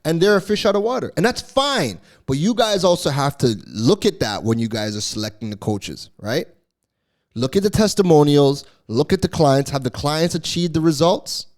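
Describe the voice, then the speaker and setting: A man's voice: on the high side, a little mellow. A man hosting solo commentary as a business coach, emphatic and exasperated, repeating key words for stress.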